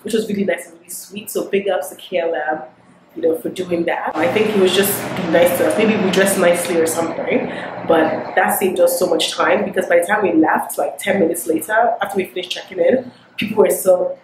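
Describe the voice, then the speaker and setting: A woman in her thirties, a travel vlogger, chats upbeat and casual in an indoor airport lounge, sprinkling in fillers like "you know" for a vlog and voice-over review. Her lowish voice is steady and a little fast, with background noise, and she holds the camera close at arm's length.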